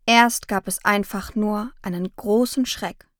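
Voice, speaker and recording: Calm woman narrating a children's audiobook. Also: mid-range voice, a little slow, dry recording, studio quality. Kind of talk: scripted first-person narration for children.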